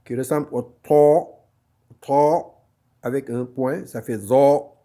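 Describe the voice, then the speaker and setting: A man's voice: mid-range voice, steady tone, slow, mellow. A man teaching a Quran reading lesson, patiently repeating each letter sound and explaining where it is made in the mouth. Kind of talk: slow online lesson.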